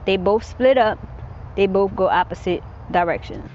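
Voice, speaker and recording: A woman's voice: mid-range voice, animated, moderate pace, darkish tone, highs cut off, a little hiss or hum. A woman in her thirties, interviewed outdoors by a roadside, speaking earnestly and with determination. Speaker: interviewee, friend of victim. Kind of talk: news interview.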